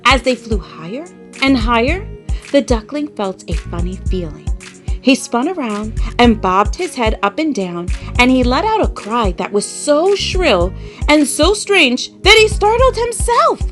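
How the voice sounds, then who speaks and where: This very animated woman narrates a children's tale with dramatic emphasis, letting her pitch range far as she takes her time. Quiet music accompanies her storytelling.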